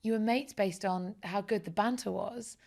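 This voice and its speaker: A woman, a guest in a relaxed interview. Her voice has a gravelly, creaky edge. She speaks with animated, enthusiastic energy. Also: mid-range voice, moderate pace. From Essex, England. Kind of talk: casual conversational interview.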